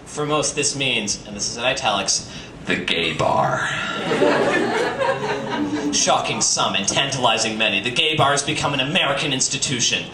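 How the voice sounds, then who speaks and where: Lively intonation marks this man's medium-pitched voice as he reads at normal speed for a comedy night audience in a bistro. His delivery is theatrical and campy, full of joking asides. The live stream audio is noisy, roomy and distant.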